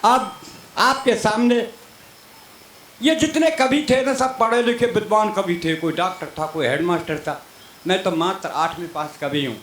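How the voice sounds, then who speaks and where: An older man performing comic poetry on stage, declaiming loudly and teasing the other poets. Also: high-pitched, normal speed, background noise. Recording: echoey stage PA sound.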